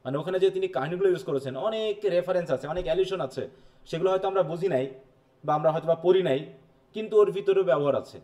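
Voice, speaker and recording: Male teacher, slightly higher voice, patient lecture delivery with comprehension checks. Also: mellow. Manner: explains slowly, reads English passages, checks understanding with questions. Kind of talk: bilingual classroom lecture.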